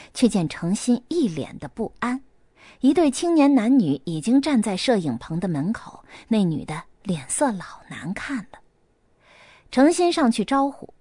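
A woman reads an audiobook in a lively storytelling manner, her pitch swinging up and down. Her voice sits a little high. The recording is dry and close. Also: breathy edge, no echo. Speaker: narrator. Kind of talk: audiobook narration.

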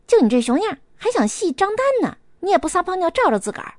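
A woman voicing a brash, rich young woman who taunts and threatens loudly and scornfully. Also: sits high, very animated, fairly quick, dry recording, clean studio sound. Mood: mocking.

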